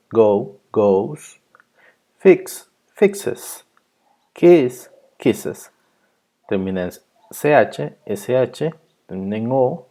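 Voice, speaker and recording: Slow, mellow-voiced male teacher. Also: mid-range voice. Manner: slow, patient, repeats rules and examples. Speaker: English teacher. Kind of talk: grammar lesson explained in Spanish.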